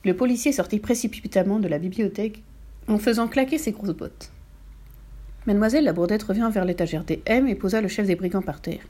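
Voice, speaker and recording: A woman reading a children's story aloud in a calm, measured way. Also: medium pitch.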